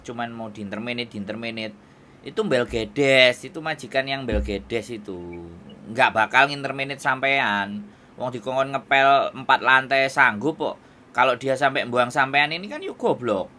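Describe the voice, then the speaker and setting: Firm guidance comes over the phone from a man with a Javanese accent who advises migrant workers. He speaks at a normal speed in a medium-pitched, sharp-toned voice, lecturing and asking if he has been understood.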